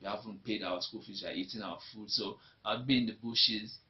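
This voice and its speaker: This lowish, steady male voice moves a little fast. He's a young Nigerian man with a Nigerian accent, reflectively recounting his life in an interview as personal testimony and circling back to the same points often, captured on a dull lo-fi recording.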